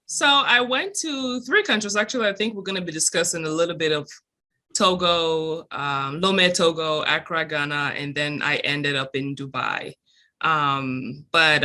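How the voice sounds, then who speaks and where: Bright-voiced chatty businesswoman. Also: on the low side. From Cameroon. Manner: chatty, many fillers, upbeat. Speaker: guest entrepreneur. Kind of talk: casual interview answers.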